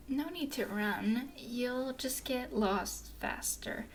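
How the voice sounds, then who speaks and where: This ASMR roleplay has a woman whispering softly as a flirty, teasing female werewolf explorer with a playful drawl. Her voice is a little high and slow-paced, and the audio is poor, with slight background noise.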